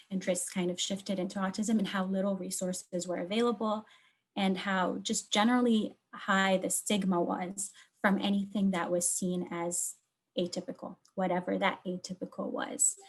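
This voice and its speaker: A Lebanese woman academic presents her research in a medium-pitched, mid-range voice. She walks through her slides in short, measured phrases, clearly emphasizing key words.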